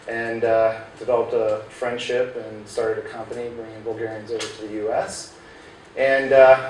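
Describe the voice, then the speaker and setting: A middle-aged American man, a native English speaker with a medium-pitched voice, gives an informal tech presentation to a small audience as a guest speaker in a small hackerspace room with a projector. He is chatty, with many "uh" fillers and restarts. The recording has a roomy, distant sound and faint hiss.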